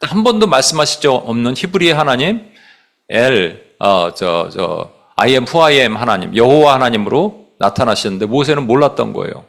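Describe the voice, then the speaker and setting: Male pastor, sermon, lively rising and falling pitch, rhetorical questions, acted-out scripture quotes, English phrases mixed in. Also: moderate pace, vocal fry. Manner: animated preaching with rhetorical questions; acts out biblical dialogue in quoted voices.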